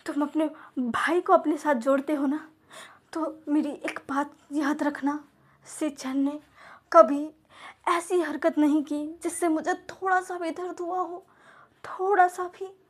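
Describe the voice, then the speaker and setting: A woman voicing a heartbroken young man who accuses loudly while crying. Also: high voice, fairly even intonation, takes it slowly. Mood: bitter, crying. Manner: accusing, loud and tearful.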